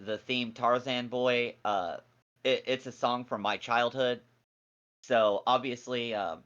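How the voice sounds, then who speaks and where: A man in his forties co-hosting a casual wrestling review, excitable and jokey with a lot of slang. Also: medium pitch, lo-fi sound. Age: 40s. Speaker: co-host.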